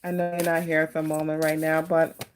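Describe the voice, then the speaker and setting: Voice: medium pitch, completely flat delivery, a little fast, faint music behind. A fortune teller of unclear sex giving a casual live oracle card reading, addressing people by name and reflecting on each message.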